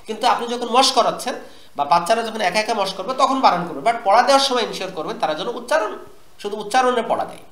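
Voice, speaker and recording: A fairly high-pitched man explains a lesson for teachers, breaking off to chant drawn-out Arabic syllables as examples. His voice rings around an echoey room. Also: fairly bright tone, a little hiss or hum. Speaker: Quran teacher instructing teachers. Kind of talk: explanatory lesson with demonstrated recitation.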